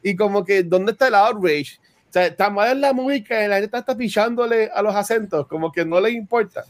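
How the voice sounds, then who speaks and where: A man's voice: high-pitched, fairly quick. A man from Puerto Rico with a Puerto Rican accent, co-hosting a casual podcast chat and mixing English words into his Spanish. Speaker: podcast co-host.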